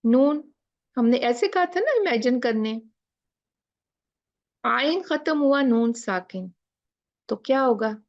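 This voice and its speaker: A woman's voice: fairly high pitch, animated, slow pace, pauses often, dull audio. A woman teacher explaining recitation rules in a class, asking questions and drawing out letter sounds. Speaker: tajweed teacher.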